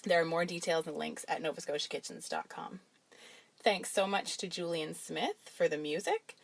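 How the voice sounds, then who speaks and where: A woman's voice: on the low side, expressive, normal speed, gravelly. A woman hosting a food podcast, chatting in an upbeat, encouraging way and then closing the episode. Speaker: podcast host. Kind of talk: casual chat and outro. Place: home kitchen.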